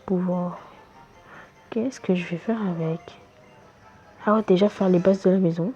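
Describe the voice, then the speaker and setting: Gamer for let's play: slow-paced, mellow tone, exclaims in frustration, faint music underneath. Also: mid-range voice, steady tone, muffled recording. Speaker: gamer commentating own gameplay for viewers. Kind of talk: casual let's play commentary.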